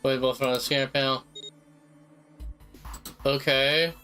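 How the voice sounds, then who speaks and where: Male streamer, bright tone, reads text aloud and chats loosely, faint music underneath. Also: medium pitch, little pitch movement, takes it slowly, rough recording. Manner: reads game text aloud, swears, mutters reactions. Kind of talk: casual let's-play commentary.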